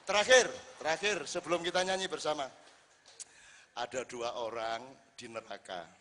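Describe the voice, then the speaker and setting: High-voiced man preaching in a reverberant hall. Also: normal speed, a little hiss or hum. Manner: lively, asks the audience rhetorical questions. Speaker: preacher at an Islamic gathering. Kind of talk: casual conversational sermon. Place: large assembly hall. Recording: long reverb in a large hall.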